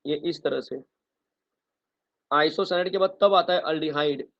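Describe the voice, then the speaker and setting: A man's voice: on the high side, a bit bright, dull audio. A man teaching a chemistry revision lecture online. He calls the students "kids", asks questions and answers them himself, and writes on a board as he explains a story mnemonic. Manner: writes on a board while talking.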